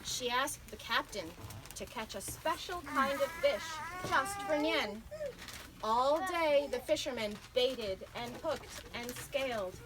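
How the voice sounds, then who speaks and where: Audience noise fills this live recording as a woman gives an animated picture-book reading to children. She reads slowly and expressively in a high voice, stretching out important words for dramatic effect.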